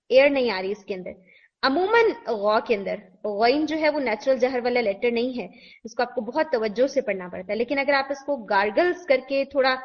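A woman teacher, giving a recorded pronunciation lesson, patiently demonstrating sounds and repeating examples slowly. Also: high voice. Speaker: tajweed teacher. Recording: dull lo-fi recording.

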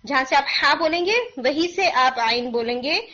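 This online lesson features a female pronunciation teacher for recitation, her voice high with a sharp tone, drawing sounds out patiently as examples. A sore throat has her clearing it often, all captured in a dull, low-fidelity recording.

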